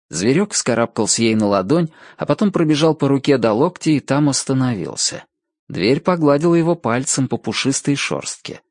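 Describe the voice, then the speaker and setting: A man narrating an audiobook in an expressive, animated reading style. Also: medium pitch, dry recording, clean studio sound.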